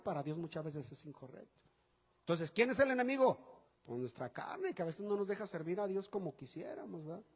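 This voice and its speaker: A man preaching a sermon as pastor, animated and folksy, acting out quotes with chatty asides to the congregation. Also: on the high side. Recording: long hall reverb.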